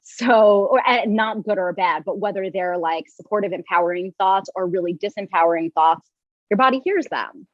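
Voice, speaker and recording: A woman's voice: medium pitch, normal speed, no echo. Chatty woman on a dull dry line. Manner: rambling with many restarts and likes. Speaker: podcast guest, yoga teacher and coach. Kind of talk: casual interview chat.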